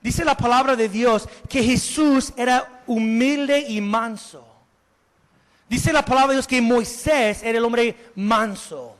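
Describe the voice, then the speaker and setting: A male pastor preaching a sermon, animated, asking the congregation questions and slipping in English words. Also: very high voice, takes it slowly. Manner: slips English words into Spanish. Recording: long hall reverb.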